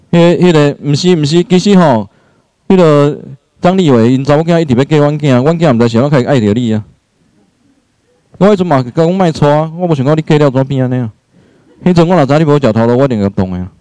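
A man's voice: a little high, lively intonation, brisk, dark tone, clear, resonant tone, dry recording, close to an everyday voice. A man acting out a nagging old mother-in-law who scolds and finds fault. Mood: scolding. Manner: scolding, grumbling, fault-finding.

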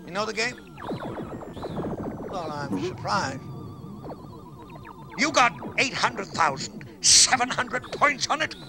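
A man's voice: sits high, big pitch swings, takes it slowly, pauses often, pushed and bright, soft background music, heavily acted. A man playing a genial, chatty inventor in a puppet TV comedy, talking on the phone.

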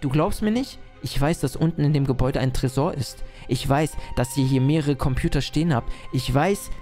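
A man's voice: mid-range voice, fairly quick, a little mellow, soft background music. Cocky theatrical man in game roleplay. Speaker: roleplay player and video creator.

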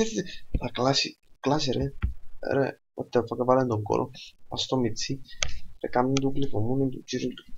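A man with a Cypriot Greek accent doing let's play commentary, excitable, swearing often, with sudden loud outbursts. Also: mid-range voice, vocal fry, highs cut off, slight background noise. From Cyprus. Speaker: gamer.

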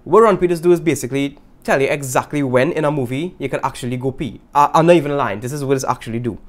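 A young Trinidadian YouTube host talks quickly to the camera in a casual vlog, animated and gesturing, tossing in laughing asides. His voice is medium-pitched, and he's in a small indoor room full of guitars.

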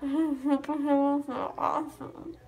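A woman's voice: high voice, level tone, takes it slowly. A young adult woman chatting casually, groggy and giddy, her words muffled by cotton in her mouth. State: groggy, sleepy, giddy after sedation. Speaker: patient after wisdom tooth removal. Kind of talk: casual chat. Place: small indoor room, seated. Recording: clearly noisy phone video.

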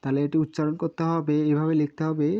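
Man slowly teaching kanji, dull lo-fi sound. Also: a little high, flat delivery. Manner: repeats words slowly, spells out syllables, often says sorry. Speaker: Japanese teacher. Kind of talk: kanji lesson while writing on a board.

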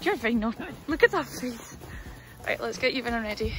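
A woman's voice: on the high side, expressive, brisk, a bit bright. A young woman chatting casually to the camera as she preps her pony and sets up jumps, often apologizing. Her voice is picked up by a camera at the yard and arena, sometimes from a distance. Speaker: horse-riding vlogger. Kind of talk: casual vlog chat. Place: stable yard and outdoor riding arena. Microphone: camera on a tripod, sometimes far off. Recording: clear background music over the voice.

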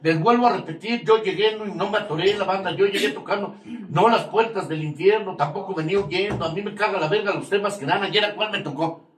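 A man's voice: high-pitched, fairly quick. An older man with a Mexican accent speaks to a recovery group, crude, mocking and confrontational, swearing constantly and laughing at his own jabs. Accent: Mexican Spanish. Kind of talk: profane testimony to a support group. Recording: echoey room, mic far off, faint noise.

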